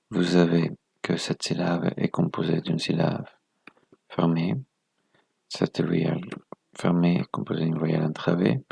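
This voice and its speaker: A man's voice: sits low, gravelly, a little mellow, slightly rough, no echo. A man presenting a video lesson, explaining step by step in a methodical way, counting items aloud and correcting himself as he goes.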